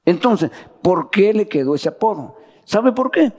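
A man's voice: high voice, animated, unhurried, dark tone, slightly rough, in a large hall. A man preaching a sermon, who keeps calling his listeners "brother" and asking them to agree. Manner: keeps addressing listeners as "hermano" with tag questions.

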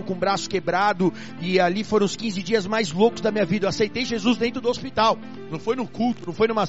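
A high-pitched man preaches a sermon, moving from quiet personal testimony to loud, shouted calls to the crowd. The recording is muffled and lo-fi, with soft music underneath. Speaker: pastor.

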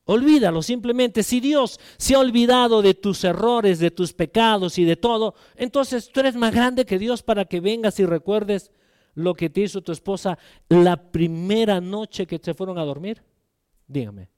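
A man's voice: high voice, normal speed, a little mellow, smooth, no room sound, studio quality. An older man, a pastor, preaching a sermon in a conversational way, asking rhetorical questions and acting out quotes.

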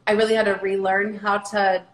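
Easygoing woman in her 30s, mid pitch, casual podcast guest, roomy echo. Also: flat delivery, brisk. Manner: chatty, easygoing. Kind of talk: casual chat.

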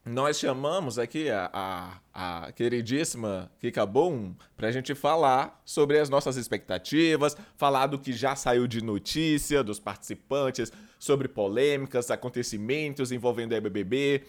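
A man's voice: mid-range voice, a little slow, hardly any pauses. Playful, campy male podcast host. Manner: playful, camp slang. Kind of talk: casual chat.

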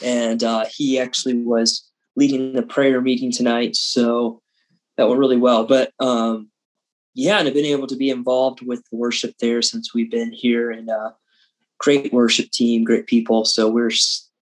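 Stuffy-nosed guy, mid-pitch, rambling easy podcast chat. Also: flat delivery, normal speed, rough recording. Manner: easygoing, rambling, many fillers. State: congested from allergies. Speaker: podcast co-host, church worship member.

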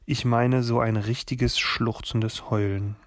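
A man narrating a children's novel in the first person, calm and measured. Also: mid-range voice, no echo, studio quality. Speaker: audiobook narrator.

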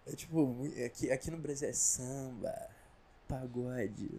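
A man's voice: medium pitch, fairly even intonation, normal speed, warm tone, slight background noise. A Brazilian man rambling through a comedic casual monologue, slangy and full of asides. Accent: Brazilian Portuguese. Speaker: vlogger.

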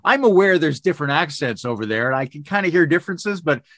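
A Canadian man hosting a podcast, asking relaxed, curious questions. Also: a little high, quick pace, dry recording, studio quality. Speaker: podcast host. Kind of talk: interview questions.

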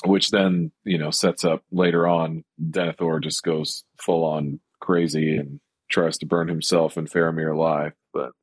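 A man's voice: rumbling low, level tone, unhurried, few pauses, husky, dry recording. A man co-hosting a podcast, talking about a film in casual chat and rambling with lots of fillers. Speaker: podcast co-host.

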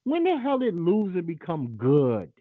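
A man's voice: high-pitched, huge pitch swings, a little slow, dry recording, narrow, tinny audio. A man hosting a call-in show, talking in a blunt, profane and opinionated way. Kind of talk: casual call-in radio talk.

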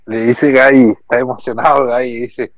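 A young man, chatting casually in a soft-spoken way and often trailing off. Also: mid-range voice, level tone, moderate pace, no room sound, lo-fi sound. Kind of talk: casual chat.

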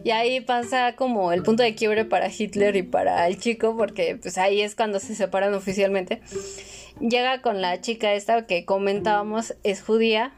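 A woman talks through a film's story in a relaxed conversation. Her voice sits in an average pitch range, and she keeps going with frequent fillers as she lays out the plot. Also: moderate pace, a little hiss or hum. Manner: retells a plot at length with many fillers. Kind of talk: casual film discussion.

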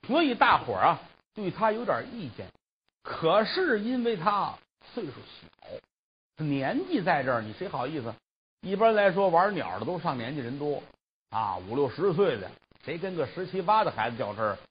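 Brief: man doing traditional spoken storytelling, lively pitch, chatty asides; old dull tape with hiss. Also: normal speed. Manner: animated, colloquial, conversational asides.

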